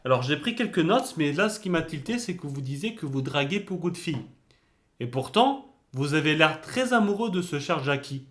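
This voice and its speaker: Lively, higher-pitched man interviewing. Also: normal speed. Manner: polite formal address with teasing questions. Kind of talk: comic mock interview.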